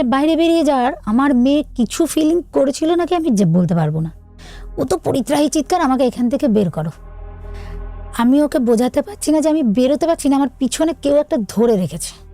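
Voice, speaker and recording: A woman, telling her own true ghost story in an earnest, halting, hushed way. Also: high-pitched, no room sound.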